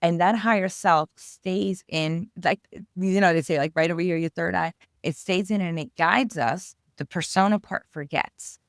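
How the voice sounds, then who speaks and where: A woman's voice: on the low side, normal speed, few pauses, clear, resonant tone, dry recording, studio quality. A woman with a New York accent, an author talking earnestly as a guest about spiritual growth. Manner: earnest, flowing, explanatory. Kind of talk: spiritual interview talk.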